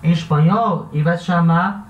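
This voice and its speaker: A man's voice: on the high side, moderate pace, muffled recording. Man, Brazilian accent, easygoing teacher, roomy echo, set back from the mic. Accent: Brazilian Portuguese. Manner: relaxed, self-correcting, checks in with listeners. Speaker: language teacher. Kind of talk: casual classroom explanation. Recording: echoey room, voice a bit far from the mic.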